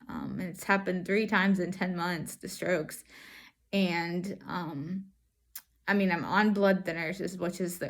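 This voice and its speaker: Female vlogger, medium pitch, voice through a face mask. Personal testimony: earnest, reflective, halting delivery. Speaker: vlogger sharing stroke recovery.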